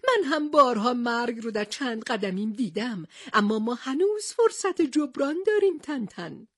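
A woman voicing an excitable male sea captain in a storybook, talking in an agitated, emphatic way. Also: on the high side, dry recording, studio quality. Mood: insistent.

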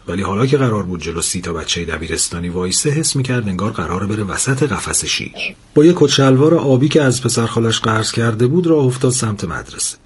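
A man narrating a humorous story in a lively storytelling manner. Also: lowish voice, breathy edge.

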